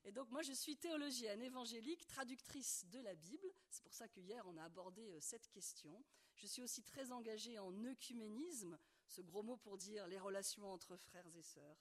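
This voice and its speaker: A woman's voice: medium pitch, moderate pace. A woman from France with a French accent, preaching a sermon in a chatty way with laughing asides to the congregation. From France, Bordeaux. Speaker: guest preacher, theologian.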